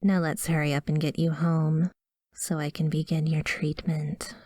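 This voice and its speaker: Low-pitched and flat at a moderate pace, a woman's slightly mellow voice comes through a dry recording on a close studio mic. She acts a chirpy, unsettling doctor for an ASMR roleplay directed at the listener: awkward, secretly an obsessive yandere stalker, smitten and possessive, breezily and cutely coaxing while casually relaying grim news.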